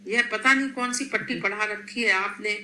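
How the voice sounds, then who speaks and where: A woman voicing a sharp-tongued, short-tempered young mother in a storybook reading, in an echoey room. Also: medium pitch, moderate pace, slight background noise. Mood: irritated. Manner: scolding, snappish.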